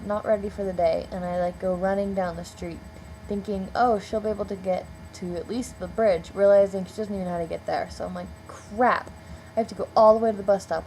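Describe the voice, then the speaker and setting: A young American woman tells stories in a casual vlog, her medium-pitched voice warm in tone. The recording is rough with slight background noise, and she rambles, filling her speech with "like" and "um."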